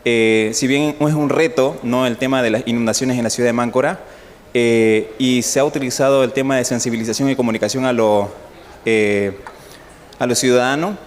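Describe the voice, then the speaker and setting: A man's voice: mid-range voice, steady tone, moderate pace, a little hiss or hum. A man from Bolivia in a conference audience, asking a question hesitantly with frequent restarts. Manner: hesitant, many fillers and restarts. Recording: long hall reverb, faint ambience.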